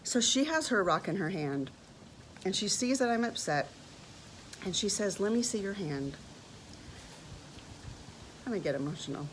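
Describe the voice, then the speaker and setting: A woman's voice: medium pitch, normal speed, noisy background. Emotional woman in her fifties telling a story. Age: 50s. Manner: animated, emotional storytelling with repeated words. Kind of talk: personal testimony vlog.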